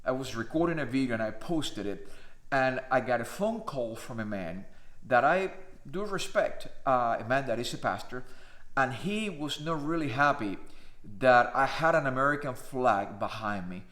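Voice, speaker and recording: Standing indoors before a flag, this fifties-aged pastor from Cuba speaks with lively intonation at a normal speed, his mid-range voice a bit bright. Spanish is his first language, and his Cuban-accented testimony to camera is earnest and emphatic, with many "uh" fillers.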